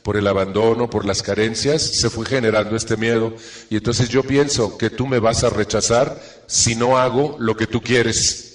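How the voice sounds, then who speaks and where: A man's voice: medium pitch, big-room sound. A middle-aged man, giving an earnest self-help talk to a live audience and checking in with rhetorical questions.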